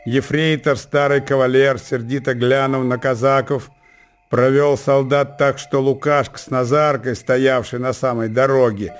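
Man reading an audiobook, measured storytelling, mid-pitched, soft music behind. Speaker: narrator. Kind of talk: audiobook reading of classic prose.

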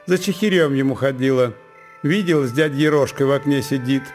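A man's voice: mid-range voice, fairly quick, darkish tone, faint music behind, natural voice. A man reading the part of a young Cossack village girl, raising his voice for her lines. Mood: teasing.

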